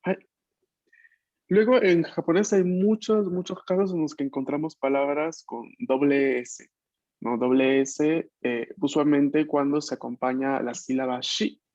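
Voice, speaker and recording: A man's voice: fairly high pitch, a little slow, a little mellow, no echo, muffled recording. A male language teacher running an online Japanese class in Spanish, explaining patiently and checking in with tag questions. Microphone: video call.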